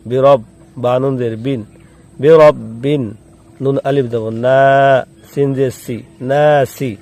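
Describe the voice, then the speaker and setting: A man teaching Quran recitation step by step, spelling out each letter and vowel mark, then slowly chanting the word and patiently repeating the rules. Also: mid-range voice, fairly even intonation, gravelly, dark tone.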